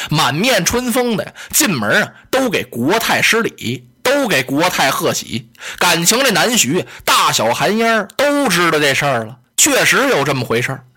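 A man's voice: sits high, breathy edge. A male storyteller, narrating a historical tale in a vivid, rhythmic traditional style. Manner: vivid, animated, rhythmic delivery.

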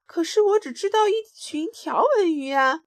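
A friendly scallop from a children's storybook, cheerful and reassuring. The voice is high, with a dry, close sound, as a woman puts it on. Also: lively intonation, moderate pace, no echo.

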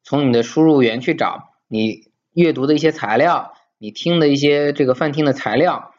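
A man's voice: a little high, moderate pace, darkish tone, highs cut off. A man teaching as an English teacher in an informal video lesson, emphatic and coaxing, often asking his listeners rhetorical questions.

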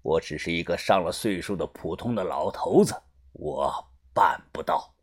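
An old man with a low, slow voice that drops near a whisper, as a storyteller plays him. He sounds grave and steady, a leader in an audiobook. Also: husky.

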